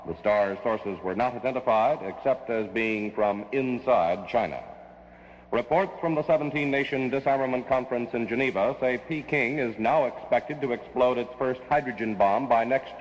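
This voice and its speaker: A man's voice: medium pitch, normal speed, highs cut off. An American man delivering scripted 1960s network radio news as a newscaster. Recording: reverberant vintage radio broadcast.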